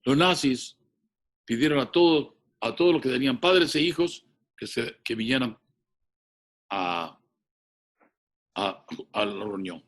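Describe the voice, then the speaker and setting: Male rabbi, sermon delivery, solemn halting storyteller, mid-range voice. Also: medium pitch, lively intonation. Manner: solemn storytelling with frequent restarts.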